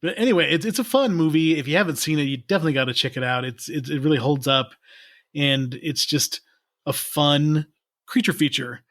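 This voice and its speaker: Laughing, rambling podcast host. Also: male voice, on the high side, a little fast, a bit bright, no echo, studio quality. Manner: rambling, laughs often, many restarts. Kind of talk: casual chat.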